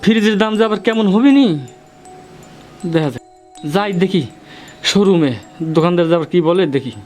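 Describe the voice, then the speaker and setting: A man plays a village man thinking out loud as he heads off to shop. His voice is fairly high for a man and faint music plays beneath the dialogue. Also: expressive, a little fast. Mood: musing. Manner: muttering his plans to himself. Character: well-off village man shopping after the cattle market. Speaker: actor. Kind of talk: amateur village drama acting.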